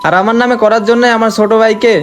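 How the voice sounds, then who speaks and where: A man's voice: high-pitched, flat delivery, very fast, close to an everyday voice. A young man playing a sorrowful returning migrant. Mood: earnest. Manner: heartfelt, pleading. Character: young man back from years abroad, earnest and sorrowful. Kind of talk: amateur short-film acting. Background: faint background music.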